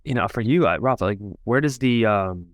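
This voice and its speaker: A man's voice: mid-range voice, expressive, moderate pace, no echo, clean studio sound. A man coaching a client on his marriage, affirming him and often checking in with "right?". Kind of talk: coaching interview.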